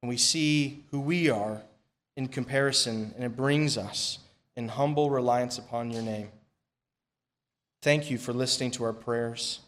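A man preaching a sermon and leading prayer at a pulpit microphone in a church, reading scripture in a measured, emphatic way that falls soft at the ends of phrases. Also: medium pitch. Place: church sanctuary.

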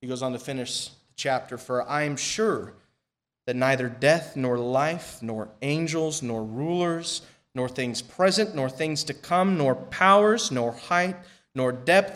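A man preaching a sermon and leading prayer at a pulpit microphone in a church, reading scripture in a measured, emphatic way that falls soft at the ends of phrases. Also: mid-range voice. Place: church sanctuary.

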